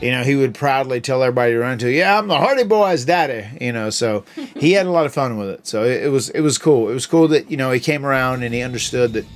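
A man's voice: medium pitch, fast, soft background music. A middle-aged man co-hosting a livestream, talking casually and rambling with fillers and restarts. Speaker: retired pro wrestler, co-host.

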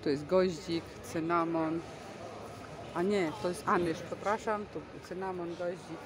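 Her voice is on the low side, steady in tone and measured in pace. As a vlog host filming on a handheld phone from behind it, she chats enthusiastically about goods in a large covered market hall, with a bustling crowd audible throughout.

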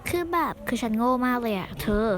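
In a room at home with a fan running, a young woman hosts her gaming channel, giving casual live commentary on the game she's playing and swearing freely as she chats. Her voice is fairly high, quick, and lively in intonation.

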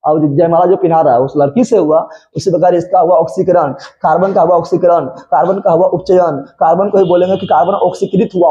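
A man's voice: sits high, mellow. A man teaching a chemistry exam-prep lesson, drilling terms through playful repeated questions and answers. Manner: repetitive call-and-response drilling, playful. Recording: dull lo-fi recording.

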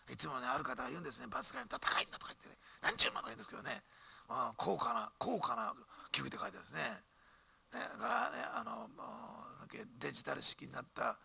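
A man preaching a sermon in church as pastor, animated and emphatic, with jokes and asides. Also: medium pitch, creaky, breathy edge.

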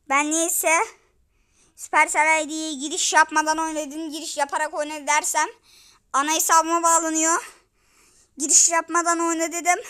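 A woman hosting a gaming channel, commenting on her play in an excitable, chatty way with sudden yells. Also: high voice. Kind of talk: game commentary.

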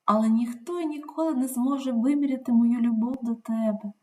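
A woman's voice: on the high side, normal speed, mellow, voice pushed up, close to an everyday voice. A woman voicing a tender young wife, pleading. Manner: earnest, emotional pleading.

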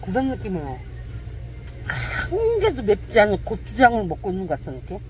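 A man's voice: sits high, huge pitch swings, fairly quick, a little hiss or hum. A man talking while chewing, grumbling bluntly as he reviews food in a casual vlog. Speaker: mukbang vlogger.

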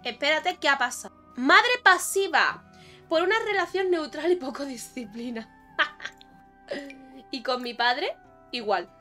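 A woman's voice: high voice, bright, forceful tone. A woman from chatting casually over her life-sim gameplay, joking with viewers and talking to the characters on screen. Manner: chatty, jokey, talks to viewers and game characters. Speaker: gaming YouTuber. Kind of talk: casual Let's Play commentary.

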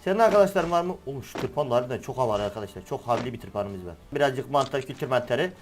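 A young man giving excitable, slangy play-by-play of a shooter game, teasing the players he beats. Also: mid-range voice, quick pace. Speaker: gaming streamer. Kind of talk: live gameplay commentary. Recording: game music and gunfire behind.

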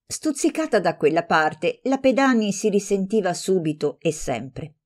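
A woman narrating a classic novel as an audiobook, reading in a measured, expressive way. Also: medium pitch.

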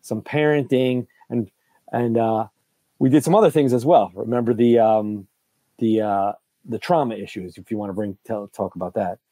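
A middle-aged man with a New Jersey accent, warmly guiding a talk on recovery care over a video call with an earbud headset. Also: fairly low pitch, steady tone, normal speed, no room sound. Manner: warm, encouraging, rambling with fillers. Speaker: clinician and interviewer. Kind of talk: conversational keynote interview on video call. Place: home room, indoors.

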